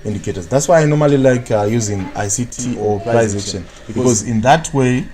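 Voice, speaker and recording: A Zimbabwean man with a Zimbabwean accent and Shona as his first language hosts a live trading analysis stream, answering viewers' chat fast in a medium-pitched voice. He rambles and fills gaps by tagging sentences with "what, what", with crowd noise in the background.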